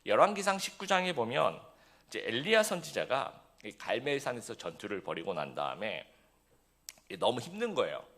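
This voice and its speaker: A man's voice: medium pitch, sing-song, normal speed, fairly bright tone. A man preaching a sermon as pastor, talking conversationally and checking in with the congregation through rhetorical questions.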